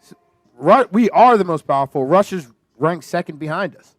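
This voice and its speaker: A man talking on a casual panel show, emphatic and quick to restart his phrases. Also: high-pitched, expressive, dry recording.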